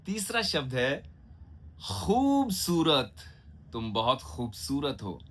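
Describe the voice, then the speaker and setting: A man's voice: a little high, animated, sharp tone. A man giving a Hindi diction lesson, stretching out each example word and checking in with his listeners. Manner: drawn-out, carefully enunciated example words; chatty, asks listeners "ठीक है?" and "है ना?". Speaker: diction teacher.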